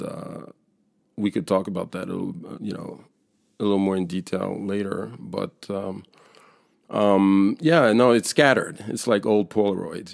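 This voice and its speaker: A man's voice: low-pitched, gravelly, a little mellow, dry recording, clean studio sound. A man in his forties from France, a painter being interviewed, talking in a hesitant, thoughtful way with many fillers. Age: 40s. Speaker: guest painter. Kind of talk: casual interview.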